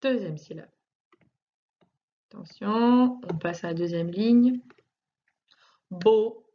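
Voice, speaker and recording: A woman teacher at a medium pitch walks a small child through a reading exercise, taking her time and stretching each word so it can be heard clearly. Her tone stays patient and reassuring throughout. The recording sounds dull and lo-fi. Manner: slow, carefully articulated, stretching words for early readers; patient and reassuring, speaking directly to one child. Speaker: primary school teacher. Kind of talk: recorded video lesson for young children.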